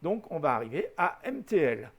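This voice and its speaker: A man with a slightly high voice talks through a screen-recorded flight simulator lesson. He explains step by step in a loose, conversational way, spells out waypoint letters one by one and mutters small corrections at his own slips. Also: big pitch swings, moderate pace, husky. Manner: chatty and patient, spells out letters, corrects himself with small sighs. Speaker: flight simulator tutorial host. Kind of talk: casual screen-recorded tutorial.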